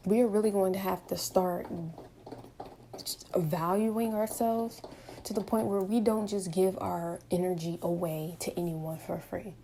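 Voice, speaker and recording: A young woman in her twenties speaks straight to her viewers from home, driving each point hard and firing off rhetorical questions. Her voice sits at a middling pitch with a warm, mellow tone. A faint hum of noise lies under her talk. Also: steady tone, a little slow. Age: 20s. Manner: impassioned, emphatic, rhetorical questions. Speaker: vlogger. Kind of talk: opinionated direct-to-camera monologue.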